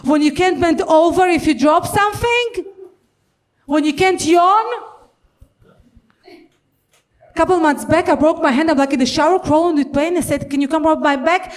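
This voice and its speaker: A woman's voice: very high-pitched, a little slow, long pauses. A middle-aged woman performing a stand-up comedy set on a club stage, brash and crude, acting out quotes.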